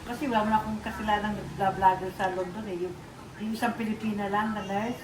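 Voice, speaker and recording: A woman's voice: medium pitch, steady tone, a little fast, roomy sound, heavy background noise. An older woman from the Philippines, a retired nurse, chatting casually and slipping into English phrases. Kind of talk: casual chat.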